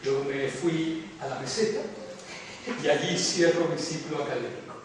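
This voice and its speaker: An older Canarian man, an economics professor, lectures in Spanish with a Canarian accent mixed with Latin American habits, his voice on the high side, steady in tone and at normal speed. He is reflective and discursive, full of fillers and asides. The large lecture hall is captured from a distance, echoey and noisy.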